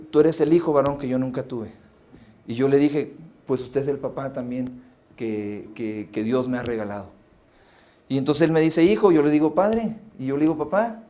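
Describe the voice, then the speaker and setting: A Mexican man with a Mexican Spanish accent preaches at a pastors' conference, telling stories conversationally with many restarts. His voice is on the high side and a little mellow. The sermon comes through a live phone stream.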